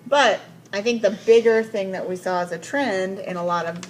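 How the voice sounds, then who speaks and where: A woman's voice: mid-range voice, moderate pace, slight background noise, poor audio. A woman working as an instructional coach. She talks through a lesson with a teacher one-on-one, giving direct instructions, filling her speech with "like" and affirming with "mm-hmm".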